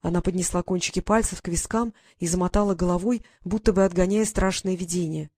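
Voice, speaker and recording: Measured woman audiobook narrator, lower voice, dry close recording. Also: steady tone, warm tone, no room sound. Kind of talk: scripted narration.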